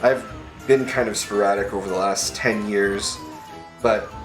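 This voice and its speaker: A man's voice: on the low side, fairly even intonation, a little slow, reverberant, over music, poor audio. A man hosting a podcast, talking casually and rambling a bit about theater as a hobby. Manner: loose and rambling, with fillers. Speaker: podcast host. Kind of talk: casual chat.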